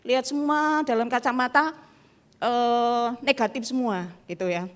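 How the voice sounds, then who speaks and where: High-voiced, animated woman preacher. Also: unhurried. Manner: animated storytelling, acting out quoted people. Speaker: pastor. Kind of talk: sermon. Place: church.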